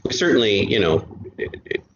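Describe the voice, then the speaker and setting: An audio drama creator guesting on a podcast talks in a lower voice, very animated and a little fast, repeating and rephrasing himself throughout the casual interview. The echoey room gives a roomy, dull lo-fi sound with faint noise.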